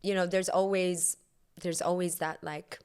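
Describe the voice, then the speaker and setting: A woman guest on a casual interview podcast, relaxed and upbeat, with easy laughs and filler words. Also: fairly low pitch, measured pace, clear, resonant tone. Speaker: guest, entrepreneur and yoga instructor.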